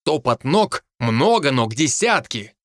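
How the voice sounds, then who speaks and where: A man narrating an audiobook in the first person, telling it in an expressive, animated way. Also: medium pitch, slow pace, dry recording, studio quality.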